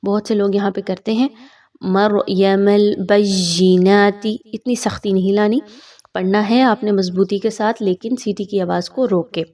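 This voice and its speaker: Woman, Quran recitation teacher, patient explanations, medium pitch, slightly distant mic. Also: steady tone. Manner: explains patiently, then recites slowly and louder.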